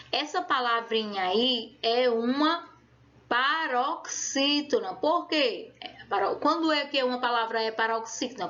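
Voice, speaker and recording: A woman's voice: a little high, a bit bright, muffled recording. A woman teacher giving a remote lesson, explaining step by step and checking in with her pupils. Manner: explaining patiently, checking in with "certo?" and "tá?".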